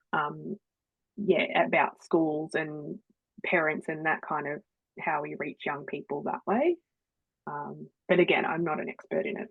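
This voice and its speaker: A woman's voice: low-pitched, vocal fry, breathy edge, no room sound. A woman presenter answering webinar questions, hesitant with many fillers, often laughing. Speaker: guest presenter. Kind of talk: online webinar Q&A. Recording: dry, phone-like audio.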